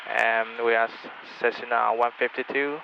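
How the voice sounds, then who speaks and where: A man speaking as a student pilot making radio calls to ground control, halting and hesitant, through a headset in a noisy small-plane cockpit. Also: mid-range voice, flat delivery, vocal fry, dull audio. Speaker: student pilot on first solo cross-country flight. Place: inside a small Cessna cockpit. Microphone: aviation headset.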